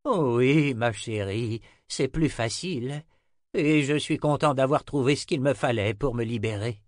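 A man's voice: mid-range voice, measured pace, dry recording, clean studio sound, close to an everyday voice. A man doing a kindly old wizard. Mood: gentle. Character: kindly old male wizard, wry and gentle. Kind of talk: audiobook character reading.

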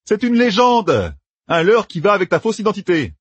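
A man's voice: high-pitched, big pitch swings, slightly rough, no room sound, lo-fi sound, voice pushed up, exaggerated voice. A man voicing a brash young schemer who barks out plans in a raised, emphatic voice in an audiobook. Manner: bossy, emphatic, rapid-fire planning.

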